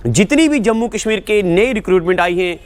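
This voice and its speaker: A man delivering a rhyming promotional pitch for live exam-prep classes. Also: animated, a little fast, clear, resonant tone. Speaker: course promoter.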